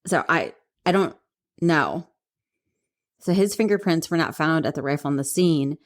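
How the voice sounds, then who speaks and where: A woman's voice: low-pitched, lively intonation, normal speed. A woman co-hosting a podcast, telling a story in casual chat, rambling and laughing often. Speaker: podcast co-host.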